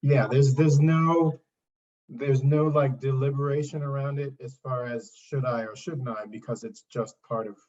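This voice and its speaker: A man's voice: medium pitch, fairly even intonation, unhurried, darkish tone, distant mic, highs cut off. Middle-aged man, thoughtful and rambling. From Trinidad and Tobago. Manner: thoughtful, rambling, self-deprecating. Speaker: singer-songwriter guest. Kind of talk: relaxed interview talk.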